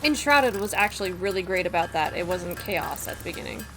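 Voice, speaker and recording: A woman streamer giving casual gameplay commentary, excitable, thinking aloud and laughing often. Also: on the low side, a little fast, rough recording. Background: game music.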